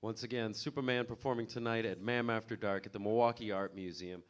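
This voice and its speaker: A man's voice: lowish voice, fairly even intonation, brisk, smooth. A man hosting a live radio broadcast from a venue, with emphatic, promotional announcing. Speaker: radio show host. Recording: live venue with faint crowd. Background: faint crowd.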